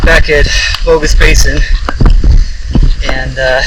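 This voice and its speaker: Guy vlogging a hike, kinda high voice, pauses a lot, mic sounds distant, really noisy outside. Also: steady tone. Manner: halting, pausing between short phrases. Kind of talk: casual outdoor vlog talk. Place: outdoors on a mountain trail. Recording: distant mic, loud outdoor noise. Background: loud outdoor ambient noise.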